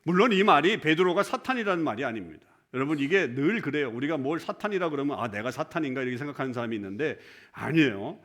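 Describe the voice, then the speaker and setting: A man's voice: fairly high pitch, big pitch swings, fast, few pauses, a bit bright. A male pastor giving a conversational sermon in church, often putting questions to the congregation. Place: church sanctuary.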